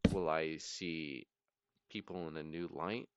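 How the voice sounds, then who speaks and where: A weary man in a halting, brooding late-night solo monologue, often trailing off. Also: a bass voice, fairly even intonation, highs cut off. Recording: clearly noisy amateur recording with clicks.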